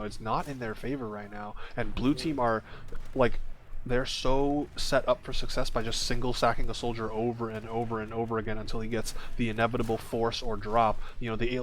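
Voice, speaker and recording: A man casting a live video game match play-by-play, quick and relaxed, with small jokes. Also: medium pitch, a little hiss or hum. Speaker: esports play-by-play caster. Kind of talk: casual live game commentary.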